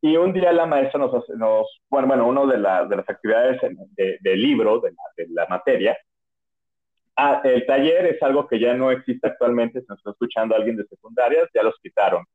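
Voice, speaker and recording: A man's voice: medium pitch, expressive, a little fast. A man with a Mexican accent telling personal stories on a podcast in a casual, rambling way, with many restarts and fillers. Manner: chatty, rambling, full of "o sea" and restarts. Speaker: podcast host. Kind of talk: casual storytelling. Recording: narrow phone-like audio.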